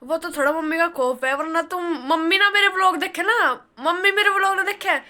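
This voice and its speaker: Bright, high-voiced young woman from western Uttar Pradesh. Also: a little fast. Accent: Western Uttar Pradesh Hindi. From western Uttar Pradesh, India. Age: young adult. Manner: blunt, rambling, laughs often, plain rustic speech. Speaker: vlogger. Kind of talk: casual chatty vlog. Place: college hostel room.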